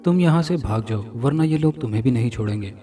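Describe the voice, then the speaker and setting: A man voicing a frightened young male captive of cannibals, telling his ordeal fearfully, heard from a distance over loud music. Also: medium pitch, expressive, fast talker, close to an everyday voice. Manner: fearful, pleading storytelling.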